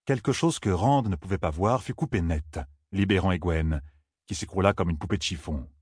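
A man reading a fantasy audiobook in a steady, grave, measured way. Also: sits low, husky, dry recording, studio quality. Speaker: audiobook narrator. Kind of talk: scripted fantasy narration.

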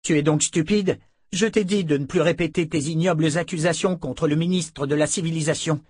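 A man voicing an angry young thug in an audiobook, shouting accusations. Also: a little high, fairly even intonation, a little fast, husky, voice pushed up. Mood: furious. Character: young hot-headed male thug.

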